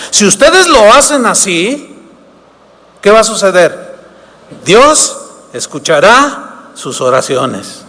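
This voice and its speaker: A man's voice: high-pitched, fairly bright tone. A man preaching a sermon as pastor, posing rhetorical questions and acting out little dialogues. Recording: long reverb of a large hall.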